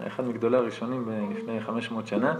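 A man, a rabbi, giving a storytelling lesson to an audience and acting out the people in his tales with lively changes of voice. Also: medium pitch.

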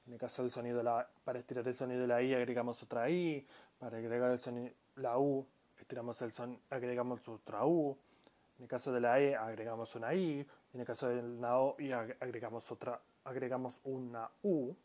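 With a dark, medium-pitched voice that barely moves in pitch, a Japanese teacher delivers a brisk spoken lesson. He calls himself an audio-lesson maker and addresses his listeners, walking through pronunciation patiently, elongating sample words and restarting frequently.

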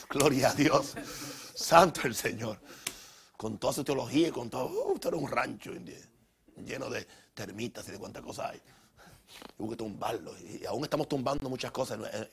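A man's voice: mid-range voice, creaky, slightly rough. A middle-aged man preaching a sermon as a pastor, emphatic, repeating his phrases and restarting often.

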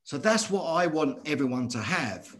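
A middle-aged man, a former boxer telling his story as a guest in earnest, animated talk that circles back on itself. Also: a little high, moderate pace. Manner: earnest, animated, repeats himself. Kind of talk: conversational storytelling.

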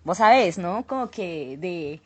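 A woman's voice: on the low side, slow, husky, heavily acted. A woman voicing a chatty female celebrity from Cali with a sing-song Cali Colombian accent, in an improvised comedy interview. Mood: breezy. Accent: Cali Colombian (put on). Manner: sing-song, laid-back, flattering.

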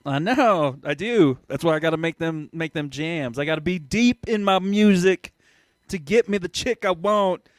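A man's voice: a little high, lively intonation, moderate pace, no room sound. A man co-hosting a crude comedy podcast, laid-back and joking, laughing a lot. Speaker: podcast co-host.

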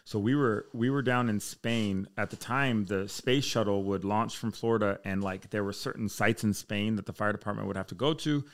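A man in his thirties who works as a fire chief chats on a casual podcast, his voice fairly low and his pace moderate with few pauses. He's laid-back, swears easily, and tells rambling stories.

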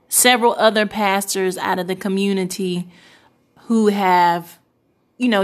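A young woman in her twenties, a pastor's wife and the church's first lady, answers an interview question in a casual, reflective way. Her voice is mid-pitched, and she comes across as earnest but hesitant, using many fillers.

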